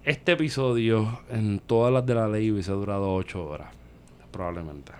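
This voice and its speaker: Low-voiced Puerto Rican man, slangy and irreverent. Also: moderate pace, a little mellow, clean tone. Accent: Puerto Rican Caribbean Spanish. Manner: irreverent, slangy, swears freely. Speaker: podcast host. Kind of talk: casual podcast chat.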